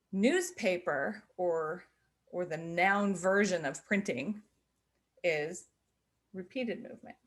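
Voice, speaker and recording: A middle-aged woman teaching a lesson, explaining patiently with fillers and self-corrections. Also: fairly low pitch. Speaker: sign language teacher. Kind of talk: instructional explanation.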